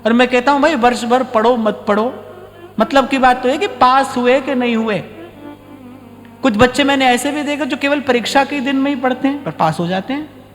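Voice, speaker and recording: High-voiced man giving a devotional discourse. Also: normal speed, a bit bright, in a large hall, faint music behind. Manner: storytelling, acts out short dialogues. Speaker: spiritual teacher. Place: ashram hall.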